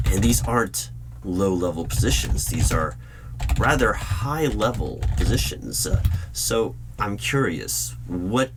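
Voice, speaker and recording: In an ASMR interview roleplay spoken aloud, a man plays a polite, probing hiring manager, using measured phrases and deliberate pauses. His voice is low-pitched and exaggerated. Computer keyboard typing runs in the background noise.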